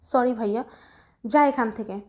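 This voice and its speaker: A woman's voice: a little high, unhurried, mellow, lightly acted. A woman voicing a serious, protective young man who speaks firmly. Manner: firm, curt.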